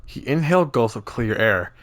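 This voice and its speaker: A man's voice: medium pitch, animated, normal speed. A man doing a let's play, reading game dialogue and narration aloud and sometimes stumbling over and rereading lines. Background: video game music.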